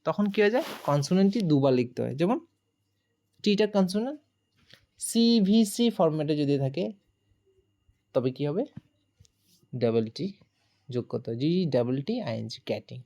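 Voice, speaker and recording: A woman's voice: low voice, expressive, normal speed, pauses often, dark tone. Woman teacher spelling out grammar rules. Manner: explains step by step, spells words letter by letter, asks the listener questions. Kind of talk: grammar lesson.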